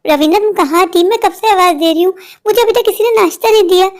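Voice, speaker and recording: A sharp-tongued older mother-in-law, as a woman voices her in an animated family story. Her high-pitched voice keeps scolding and complaining. She shouts for her daughters-in-law and grumbles about them. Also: fast talker, lightly acted. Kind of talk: cartoon voice acting.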